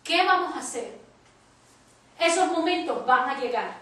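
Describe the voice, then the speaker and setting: A woman's voice: high-pitched, lively intonation, measured pace, a bit bright. A woman preacher teaching a church class, telling a personal story with emphatic quoted dialogue. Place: church hall. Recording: echoey church from far off.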